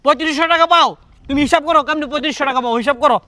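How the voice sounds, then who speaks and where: Voicing a greedy office manager for a short film, a man sounds contemptuous, full of sneering menace. He speaks fast in a high, bright register, recorded dry and close with no room sound.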